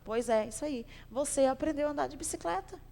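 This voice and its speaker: A woman's voice: sits high, brisk, gravelly, warm tone. Lady pastor teaching church class, chatty, keeps asking the room stuff, echoey hall. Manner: conversational, asks the class questions, repeats phrases. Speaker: pastor teaching Sunday school. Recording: long hall reverb.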